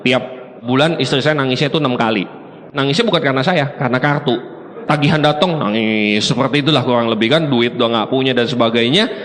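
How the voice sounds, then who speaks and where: Middle-aged guy doing a motivational seminar, bouncy high voice, big hall echo. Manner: animated, joking storyteller addressing the audience. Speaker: motivational speaker. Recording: long hall reverb.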